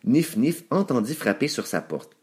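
A man narrating a children's story aloud in an expressive read-aloud manner. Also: medium pitch, normal speed, background noise.

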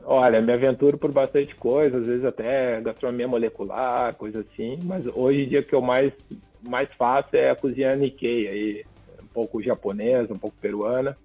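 With soft music playing behind him, a southern Brazilian man answers interview questions reflectively as a guest, tacking tag questions onto many of his remarks. His mid-range voice is steady and moderately paced, and the audio sounds like a narrow phone line.

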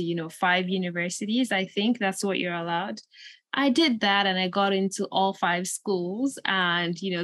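Nigerian-born young woman, low dry voice. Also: no echo. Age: 20s. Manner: relaxed, many fillers like "you know". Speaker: entrepreneur guest. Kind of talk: casual interview answers.

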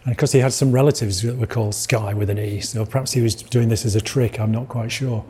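A man's voice: medium pitch, fairly even intonation, quick pace, darkish tone, slightly rough. A middle-aged man with a Yorkshire accent giving an illustrated lecture, rambling with restarts and asides.

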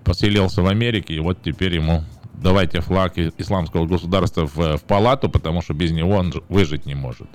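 A man's voice: low voice, quick pace, few pauses, darkish tone. A man co-hosting a casual radio talk show, teasing and sarcastic as he asks listeners to call in. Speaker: radio host.

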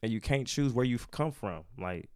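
A young man from Michigan, a podcast guest in casual chat who tells animated stories and acts out quotes. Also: medium pitch, moderate pace, clean tone. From Lansing, Michigan.

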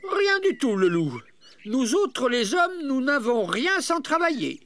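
A storyteller voicing a cheerful, patient farmer explaining things in a storybook reading, lively and raised in pitch. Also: slow, dry recording, exaggerated voice. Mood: teasing. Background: soft music.

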